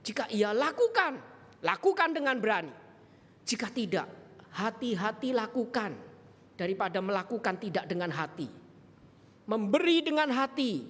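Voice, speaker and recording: Animated woman preaching in a church hall. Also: a little high. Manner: animated storytelling, acts out dialogue. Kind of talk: sermon. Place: church sanctuary.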